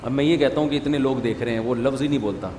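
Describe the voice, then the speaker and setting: A man's voice: mid-range voice, mellow. A middle-aged man giving an informal religious talk to an audience, conversational and scolding, with many rhetorical questions. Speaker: religious scholar, preacher. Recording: long reverb, faint room noise.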